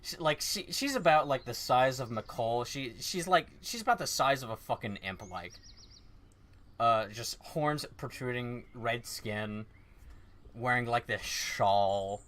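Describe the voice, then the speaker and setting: A man's voice: mid-range voice, expressive, unhurried, fairly bright tone. A man working as game master, narrating a tabletop game in a casual, informal, sweary way.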